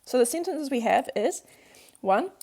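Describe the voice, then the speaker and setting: She speaks in a high, warm, sing-song voice at a moderate pace. A native English speaker, she leads a workbook lesson, patiently breaking examples into steps and going over the key points again.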